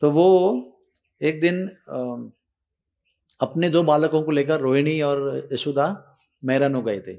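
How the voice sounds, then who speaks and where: Man, spiritual teacher, animated storytelling sermon, slightly high voice, mixes English phrases. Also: slow, gravelly, long pauses.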